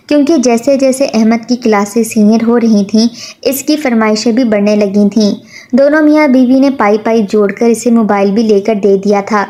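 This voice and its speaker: Mellow woman telling an emotional story. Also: on the high side. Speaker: narrator. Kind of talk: storybook narration.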